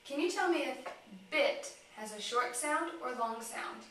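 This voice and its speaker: A woman with a high voice talks to a child in a therapy session, drawing out each word slowly. Her speech is exaggerated and encouraging. She is recorded from a distance in a very echoey room. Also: lively intonation, fairly bright tone, slight background noise. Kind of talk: child-directed therapy demonstration. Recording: echoey room, mic far off.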